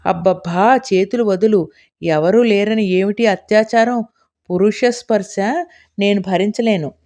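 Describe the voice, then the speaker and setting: A woman's voice: medium pitch, unhurried, darkish tone, lightly acted. A woman narrator voicing a teasing, playful young woman in an audiobook story. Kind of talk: audiobook character reading.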